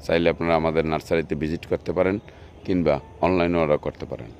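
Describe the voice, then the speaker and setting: A deep-voiced man with a Bangladeshi Bengali accent hosts a nursery video, strolling through an outdoor plant nursery and pointing out plants in a repetitive, salesy way. He talks fast in a steady, slightly mellow tone, and there's a faint hiss or hum on the recording.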